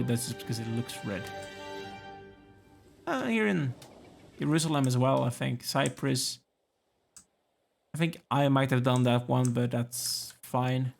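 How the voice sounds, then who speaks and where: A man's voice: mid-range voice, measured pace, gravelly, pauses often, music in the background. A tired, yawning man casually commenting as he plays a strategy game, musing aloud and chatting to the characters on screen. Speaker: let's play gamer.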